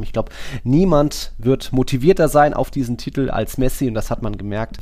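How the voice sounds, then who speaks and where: A man hosting a football podcast from home over a video call, with a voice of ordinary middle pitch. He talks in a chatty, teasing way and tells stories with animation. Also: warm tone. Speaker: podcast host. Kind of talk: casual football podcast chat.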